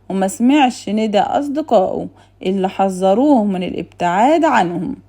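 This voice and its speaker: A woman's voice: a little high, dark tone. A woman with an Egyptian Arabic accent telling scripted animal fables for children, in the manner of a traditional folk-tale storyteller.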